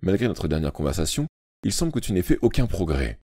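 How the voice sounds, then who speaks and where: A man voicing a stern, sinister male deputy headmaster who speaks in a cold, measured, quietly menacing way. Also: sits low, sing-song, husky, no room sound, clean studio sound, heavily acted. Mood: menacing calm.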